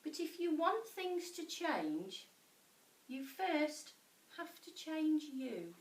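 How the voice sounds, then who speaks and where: A woman reading a picture book to children in an expressive, dramatic style with deliberate pauses. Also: high-pitched, slight background noise. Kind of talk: expressive storybook narration for children. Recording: echoey room, distant mic.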